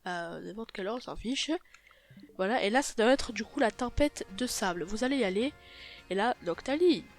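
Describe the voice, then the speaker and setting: Soft background music plays as a YouTube gaming host talks through a game tutorial at a normal speed in a fairly high, lively voice. Her cold has left her stuffy and nasal, and her casual delivery is hesitant and apologetic, full of self-corrections.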